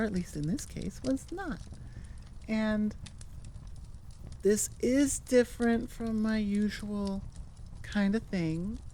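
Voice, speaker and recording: At her computer microphone, recording into audio software, a woman closes out her audio channel with a relaxed, rambling sign-off full of self-mockery and tangents. Her voice sits at medium pitch and sounds a little mellow. Some slight background noise comes through.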